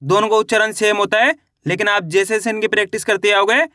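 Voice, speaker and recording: A man's voice: high-pitched, fairly even intonation, fast, bright, forceful tone, dry recording, clean studio sound. A man teaching the alphabet step by step, asking learners to repeat each sound after him and quizzing them on it. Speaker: Hindi reading teacher.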